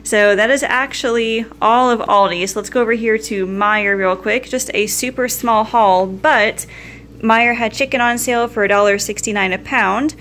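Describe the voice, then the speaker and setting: A woman's voice: a little high, normal speed, a bit bright, a little hiss or hum. A woman in her thirties chatting casually and upbeat from her home kitchen, going item by item. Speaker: vlogger showing a grocery haul. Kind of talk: casual chat.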